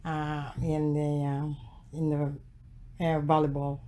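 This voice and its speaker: A man in his sixties from the Philippines, with a Filipino accent, answering interview questions hesitantly with many filler pauses. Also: fairly high pitch, monotone, dark tone, a little hiss or hum. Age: 60s. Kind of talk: oral history interview.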